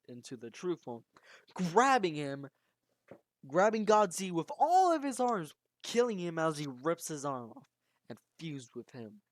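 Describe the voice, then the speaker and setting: A storyteller casually retelling a fan-made horror tale, dramatic and animated, often restarting mid-sentence. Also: medium pitch, dry recording.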